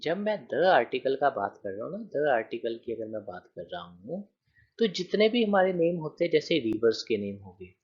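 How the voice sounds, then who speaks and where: A man gives a grammar lesson in a husky voice. His pitch moves a lot as he counts through examples and checks that the class follows. The recording sounds dull and lo-fi. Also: big pitch swings, moderate pace. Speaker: teacher. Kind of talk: grammar lecture.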